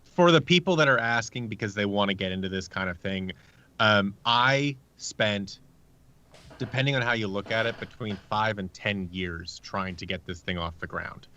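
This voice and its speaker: An audio drama creator, appearing as an interview guest, talks casually and explains things at length, acting out short snippets of quoted conversation. His voice is on the low side, pushed and bright, at a normal speed. The audio is dull.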